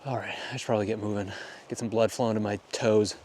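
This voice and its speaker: A man with a fairly low voice talks casually to his viewers while out shooting photos by a frozen lake. He thinks aloud in an easygoing way, dropping small muttered asides. Outdoor noise sits behind his voice. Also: steady tone, quick pace, a little mellow. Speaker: photography vlogger. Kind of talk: casual walk-and-talk vlog, musing to viewers. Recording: noisy outdoor wind and ambience. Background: clear outdoor ambient noise.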